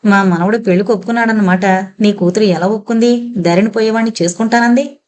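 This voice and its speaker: A woman voicing a domineering, bitter old grandmother who scolds quickly and sharply. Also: medium pitch, a little mellow, natural voice. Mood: scolding.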